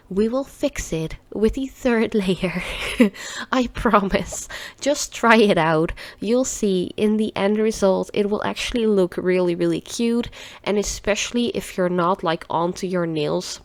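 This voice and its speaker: A Dutch woman in her thirties, her medium-pitched voice stuffy and nasal from a cold, rambles casually through a nail art tutorial. She's chatty and laughs often, and the recording is dry.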